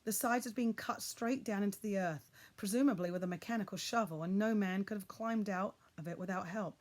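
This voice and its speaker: Female storybook reader, expressive and suspenseful. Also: medium pitch, a little fast. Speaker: audiobook reader. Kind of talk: reading a children's novel aloud.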